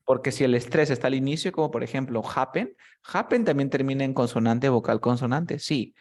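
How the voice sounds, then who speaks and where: A young man with a mid-pitched voice teaches a one-on-one grammar lesson. He lays out each rule step by step, patient and steady. He keeps pausing to ask whether his student has understood. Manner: patient, explains step by step, often checks understanding. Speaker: English teacher.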